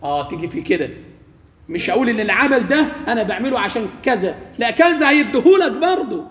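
Quick high-voiced Egyptian preacher. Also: male voice, sing-song, fairly bright tone. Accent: Egyptian Arabic. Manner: asks questions and lets the class finish his sentences. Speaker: religious teacher. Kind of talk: interactive religious lesson. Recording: echoey hall with faint ambience.

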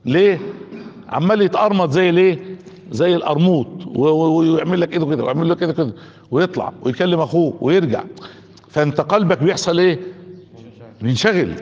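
An Egyptian man preaches in a colloquial sermon, his voice sitting a little high. He keeps asking his listeners questions and trips over repeated restarts. The sound is dull and muffled, with a long reverb ringing through a hall. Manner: asks the listeners rhetorical questions, with many stammered restarts.

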